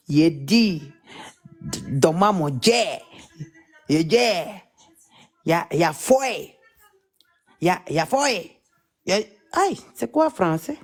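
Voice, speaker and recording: Her low, mellow voice carries a Senegalese French accent as she hosts an informal live chat. The Senegalese woman teases and ridicules, stretching out repeated phrases.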